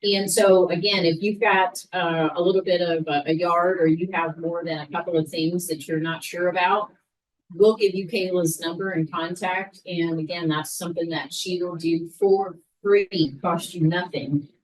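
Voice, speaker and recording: A woman's voice: on the low side, fairly even intonation, normal speed, distant mic, poor audio. A woman coordinating a local program, explaining it to a class in a conversational way with many fillers. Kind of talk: informal class presentation.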